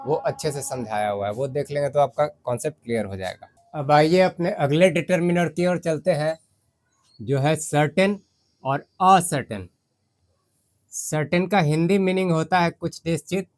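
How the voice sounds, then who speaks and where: A man with an Indian accent gives a step-by-step grammar lesson, his voice sitting a little high. He slows right down to read each English example sentence aloud, then explains it in Hindi. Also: a little mellow.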